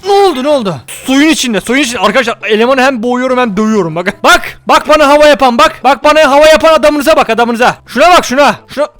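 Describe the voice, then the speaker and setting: A young man, loudly joking and swearing while narrating a game he plays. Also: very high voice, lively intonation, quick pace, few pauses. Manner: rowdy, joking, slangy. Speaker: gaming YouTuber. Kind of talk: game commentary.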